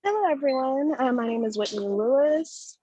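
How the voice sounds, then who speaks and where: A woman introduces herself politely on a video call, her voice pitched a little high. Faint keyboard clicks can be heard behind her. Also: animated, moderate pace, warm tone, slight background noise, low-quality recording. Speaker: workshop participant.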